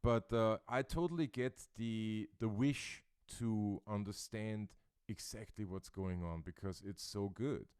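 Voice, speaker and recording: A man's voice: lowish voice, measured pace, hardly any pauses, a little mellow, clear, resonant tone, dry recording, studio quality. A male host from Austria chatting in an interview, thoughtful and searching for his words. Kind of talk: casual interview chat. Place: Brooklyn, New York.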